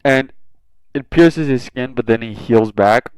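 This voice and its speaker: A man's voice: mid-range voice, unhurried, a little mellow, clean tone, dry recording, poor audio. A man casually retelling a fan story, rambling with lots of swearing and fillers.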